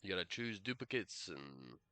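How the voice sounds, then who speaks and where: A man streaming a game in casual live commentary, rambling and hesitant with many fillers and self-corrections, coughing and clearing his throat now and then. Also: deep voice, sing-song, moderate pace, bright, forceful tone, dry recording.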